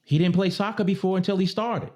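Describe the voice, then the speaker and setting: A man's voice: high-pitched, fast talker, muffled recording. A man in his thirties co-hosting a podcast, arguing emphatically and with swearing in casual debate. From Baltimore area. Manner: emphatic, animated, profane, repeats himself. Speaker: podcast co-host.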